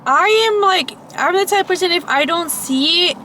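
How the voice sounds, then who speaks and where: A young woman with a high voice tells a scary story among friends, rambling and stopping to correct herself. Faint noise hums under the recording. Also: normal speed, bright, forceful tone. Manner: rambling, restarts and corrects herself, laughs at her own telling. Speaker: co-host. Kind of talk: casual chat, telling a scary story.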